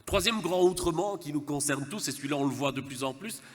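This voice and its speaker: Delivering a formal conference speech with a long reverb tail behind him, this gas and electricity network representative from Verviers, Belgium, talks animated and a little fast. His voice sits on the high side, nasal from a cold and marked by a Belgian French accent; he adds light humour but often stammers and starts over.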